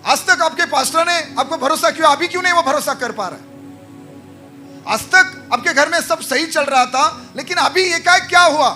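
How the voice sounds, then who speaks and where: A man's voice: very high-pitched, normal speed, bright, forceful tone, faint music behind. A man preaching a sermon as pastor, exhorting the congregation with repeated rhetorical questions.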